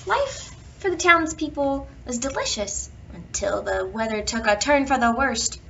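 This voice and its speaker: A woman reads a picture book aloud as a children's bedtime story, adding playful asides and stressing and stretching words for young listeners. Her fairly high voice has noticeable creak. The home recording is dull and a little distant, with background noise.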